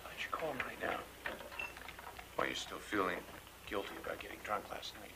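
A man's voice: fairly low pitch, very animated, fairly quick, heavy background noise. An actor playing a wry, dry-humored male psychiatrist in a 1970s TV movie.

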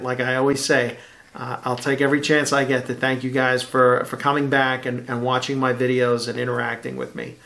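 Man, fifties, casual hobby review, relaxed and chatty, lots of fillers, home room, desk webcam. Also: medium pitch, creaky. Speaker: scale model builder, channel host.

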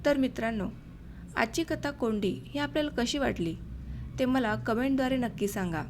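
A woman narrates a village short story for an audiobook. Her voice is high, and her telling is expressive yet measured. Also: a little hiss or hum.

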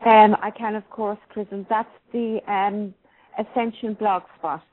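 A woman co-hosting informally, giving out information and asking questions in a husky voice. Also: mid-range voice, flat delivery, measured pace. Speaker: co-host. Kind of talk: informal hosting, reading out web addresses. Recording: tinny phone-like line.

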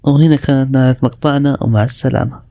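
A man's voice: mid-range voice, fairly even intonation, warm tone, no room sound. Chatty man narrating his gameplay. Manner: chatty, talks himself through moves with quick exclamations. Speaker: gaming video creator. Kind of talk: casual gameplay commentary.

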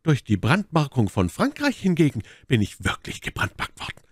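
A man's voice: on the high side, huge pitch swings, normal speed, no echo, pitched above the performer's own voice. Guy doing a raised-voice scheming lady, dramatic, swoops around a lot, dry close sound. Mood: indignant. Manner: heightened, dramatic pleading. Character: scheming noblewoman, proud and manipulative.

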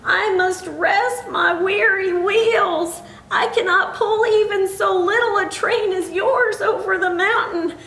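A woman putting on a very slow, weary old train engine. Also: very high voice, sharp tone, voice pushed up, full character voice. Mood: weary, defeated. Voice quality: drawn-out, sighing delivery. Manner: weary, repeating refusals slowly. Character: weary, rusty old male train engine, sighing and defeated. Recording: echoey room with faint noise.

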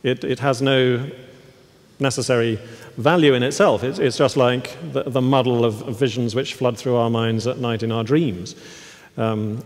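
A middle-aged man with an ordinary mid-pitched voice moderates a panel, courteous and a little halting, repeating words as he goes. A headset mic catches him, with a long reverb from the big church hall. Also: steady tone. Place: large church hall with audience.

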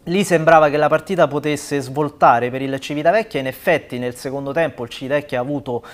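A man in his thirties presents a football report from a studio. His voice sits a little high, and he builds his analysis in halting phrases on a lapel mic. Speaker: sports show host. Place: small indoor TV studio.

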